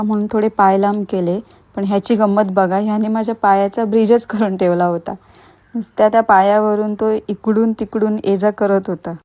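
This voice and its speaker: A woman narrating her travel vlog in a steady, matter-of-fact way. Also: mid-range voice. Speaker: vlogger.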